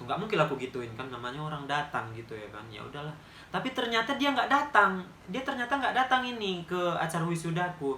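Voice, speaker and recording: A man's voice: medium pitch, pushed and bright, slight background noise. A young man in his twenties with a Medan accent, telling a story to camera in a chatty, emphatic way. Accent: Medan Indonesian. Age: 20s. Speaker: vlogger. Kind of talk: casual storytime monologue. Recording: roomy echo.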